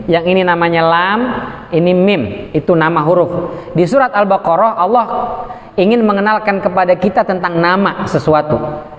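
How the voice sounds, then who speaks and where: Male preacher, high voice, lively lecture style, speech, answers his own questions. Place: mosque hall. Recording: echoey hall.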